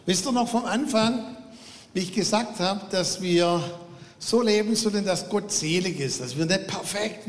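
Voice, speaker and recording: A man preaching a sermon to his congregation, telling a story animatedly and acting out the quotes. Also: high-pitched. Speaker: pastor. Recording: long hall reverb.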